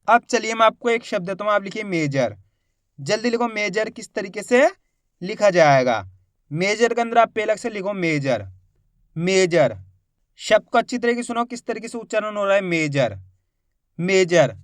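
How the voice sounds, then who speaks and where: A man with a high, smooth voice teaches a spelling lesson, breaking each word into drawn-out syllables and then saying it whole. He talks to his viewers as friends and keeps asking them the next step. The recording is dry and close. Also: a bit bright, no room sound. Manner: slow, drawn-out syllables and repeated teaching questions. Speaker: Hindi teacher.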